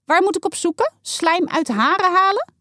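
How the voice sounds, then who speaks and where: A woman's voice: very high voice, animated, moderate pace, bright, forceful tone, slight background noise, voice pushed up, exaggerated voice. A woman voicing a cheeky young boy who talks in a teasing, brash way. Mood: eager.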